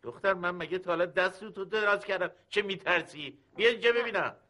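A man's voice: sits high, pushed and bright. An actor playing a stern father and older brother who scolds and commands.

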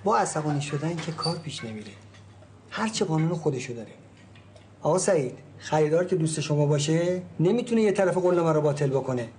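A man's voice: fairly high pitch, lively intonation, darkish tone, a little hiss or hum, close to an everyday voice. A man playing a blustering real estate agent. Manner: soothing, then blustering and threatening. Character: blustering middle-aged male real estate agent, father.

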